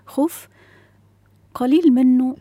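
A woman's voice: sits high, steady tone, slow pace, dark tone, no room sound. A woman with an Egyptian accent, a guest education expert, explaining her ideas in an interview and often asking rhetorical questions. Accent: Egyptian Arabic.

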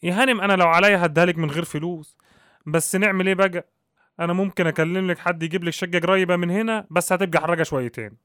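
A man's voice: high-pitched, racing, a bit bright, clean tone, no echo, studio quality. An actor playing a wary, haggling Egyptian building doorman in a radio drama, deferential and folksy, with an Egyptian accent.

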